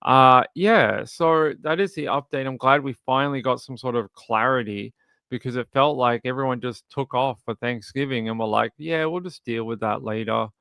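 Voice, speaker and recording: An Australian man talks casually as a livestream host. His voice has a creaky edge yet stays clean and resonant, recorded close and dry. He comments with sarcastic, skeptical deadpan. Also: medium pitch, moderate pace, no echo. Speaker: livestream host of a true crime channel. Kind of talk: casual news commentary, reading and answering live chat.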